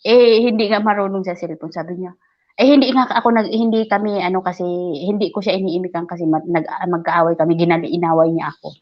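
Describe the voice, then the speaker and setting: Animated woman telling a story, lo-fi. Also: fast talker. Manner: animated, acts out quoted lines in a higher voice, laughs often. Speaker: live stream guest telling a story. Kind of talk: casual storytelling chat. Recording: dull lo-fi live stream audio.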